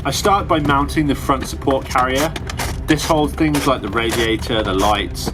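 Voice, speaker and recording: A man's voice: medium pitch, normal speed, noisy background. Matter-of-fact man in workshop. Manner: matter-of-fact, self-deprecating. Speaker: car build vlogger. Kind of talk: narrating a workshop build. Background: music in the background.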